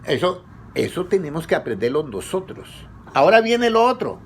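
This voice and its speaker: Animated man preaching to his congregation. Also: moderate pace, husky. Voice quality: animated, rising pitch on questions. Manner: asks the congregation questions and lets them answer. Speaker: pastor leading a Bible study. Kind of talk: conversational sermon.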